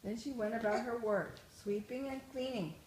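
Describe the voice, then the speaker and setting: An older woman, a grandmother, reading a children's story aloud with expressive, rhythmic storytelling. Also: fairly high pitch, moderate pace. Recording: echoey room, faint noise.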